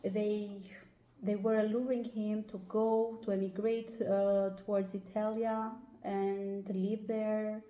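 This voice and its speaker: Slow, hesitant Albanian-accented woman. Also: medium pitch, flat delivery, warm tone. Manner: hesitant, many pauses and "uh" fillers. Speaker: guest. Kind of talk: personal life story in an interview. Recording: roomy echo.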